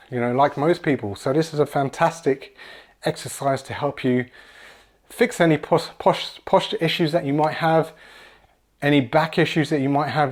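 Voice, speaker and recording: A man's voice: mid-range voice, a little mellow. A man in his forties giving a casual, encouraging home workout lesson, often repeating words as he demonstrates exercises in a small room at home. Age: 40s. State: slightly out of breath at times. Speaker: fitness coach.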